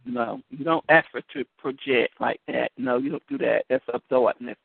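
A male evangelist from the United States hosting a call-in show, telling a caller his testimony in an animated way, stumbling over repeated words and laughing often. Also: medium pitch, moderate pace, gravelly, dry recording. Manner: animated storytelling with many word repeats and laughs. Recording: tinny phone line, dry.

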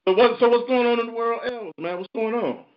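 A man's voice: very high voice, a little fast, lo-fi sound. Laid-back, profane man hosting a call-in show. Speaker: radio show host. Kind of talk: casual call-in show talk.

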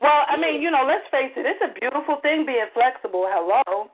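A woman's voice: sits high, expressive, a little fast, breathy edge. A woman guest on a live radio show, teasing and sultry in casual banter. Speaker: poet guest. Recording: tinny phone line with faint noise.

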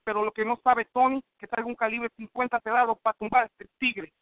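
A man's voice: extremely high pitch, flat delivery, fairly quick, no room sound. A man from Northern California spitting boastful, aggressive insult rhymes in a rap battle over the phone. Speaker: battle rapper. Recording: tinny dry phone line.

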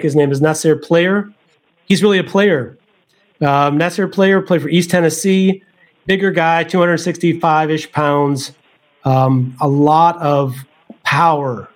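A man on a sports podcast, thinking aloud as he weighs draft prospects in casual chat. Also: fairly high pitch. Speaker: podcast panelist.

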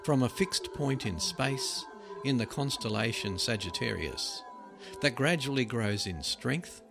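A man reading written articles aloud as scripted narration, with measured, dramatic phrasing that drops at sentence ends. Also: mid-range voice, lively intonation, creaky. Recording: loud music behind the voice. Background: music.

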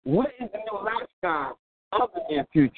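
A man co-hosting a talk radio show from a patchy phone line that fades in and out, talking in an animated way, chuckling and repeating himself for emphasis. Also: sits high, fairly quick, no room sound. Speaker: radio show co-host calling in. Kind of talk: casual talk radio chat. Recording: tinny dry phone line.

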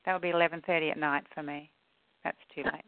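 A woman's voice: sits low, little pitch movement, quick pace. A woman heard over the phone, friendly and polite, repeating details back to confirm them. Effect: heard over a phone line. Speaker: caller. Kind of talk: phone call arranging a meeting time. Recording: tinny phone line.

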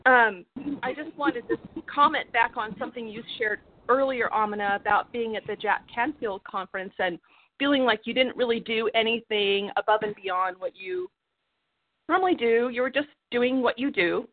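A woman's voice: fairly high pitch, moderate pace. A woman coaching and encouraging others on a group phone call, earnest and heartfelt. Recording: tinny phone line, dry.

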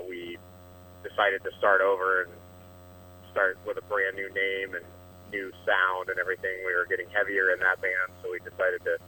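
A man from Iowa calling in over the phone as a band's guest, answering casually with frequent hesitant pauses. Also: sits low, sharp tone, a little hiss or hum, poor audio. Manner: hesitant, many filler pauses. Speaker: band member, phone-in guest.

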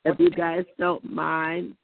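Man, squeaky voice, has a cold, gravelly edge, tinny phone line, friendly Bible study leader. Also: monotone, slow, dry recording. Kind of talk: casual chat on a group call.

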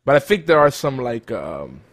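A man's voice: mid-range voice, sing-song, normal speed, fairly bright tone. Rambling male podcast host. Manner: rambling, with many fillers and self-corrections. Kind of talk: casual chat.

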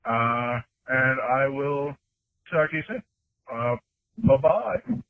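A man leaving a casual voicemail from his car, played back over a phone line, loose and halting with many filler pauses. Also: mid-range voice, big pitch swings. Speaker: voicemail caller. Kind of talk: casual chat.

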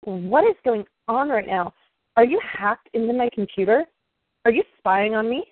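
A woman's voice: on the high side, animated, moderate pace, no echo. A woman voicing a flustered young writer who speaks hesitantly and with sarcasm. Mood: uneasy. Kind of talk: audio drama acting. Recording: dry tinny phone-like sound.

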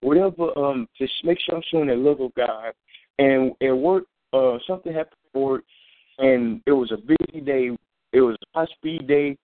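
On a dry, tinny, phone-like recording, a man with a mid-range voice speaks at normal speed. He's a preacher giving an earnest, informal faith testimony and sermon, often repeating and restarting his phrases.

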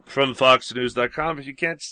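A male talk radio host trades sarcastic remarks and reads headlines in a grumpy, blunt way. His voice is bright and forceful, recorded dry and close to the mic. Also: medium pitch, steady tone, moderate pace, no room sound. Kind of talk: casual talk radio chat and news reading.

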